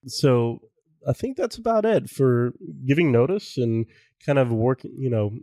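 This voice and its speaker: A man co-hosting a podcast in casual chat, relaxed and agreeable, laughing easily. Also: medium pitch, unhurried, no room sound. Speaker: podcast co-host.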